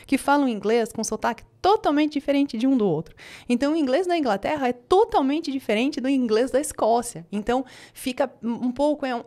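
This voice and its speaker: Mulher falando rápido, tom agudo. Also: female voice, high voice, darkish tone. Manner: chatty, many fillers and self-corrections. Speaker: English teacher. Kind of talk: casual online lesson.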